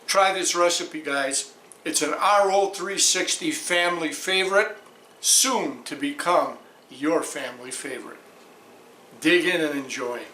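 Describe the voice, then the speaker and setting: A man hosting a casual home cooking vlog, talking slowly and savoring the food as he tastes it in his kitchen. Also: fairly high pitch, reverberant, slight background noise. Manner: slow, relaxed, savoring food between lines. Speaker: cooking show host.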